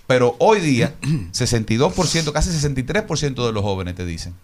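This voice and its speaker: A man's voice: mid-range voice, expressive, quick pace. A Dominican man, a politician, arguing his points at length and earnestly on a radio talk show. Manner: earnest, speaks in long reasoned points. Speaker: politician guest.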